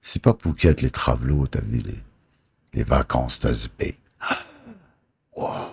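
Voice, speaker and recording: A man telling boastful, crude stories in rough street slang, close to the mic indoors. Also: rumbling low, slow pace, a little mellow. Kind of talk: casual storytelling on a live stream.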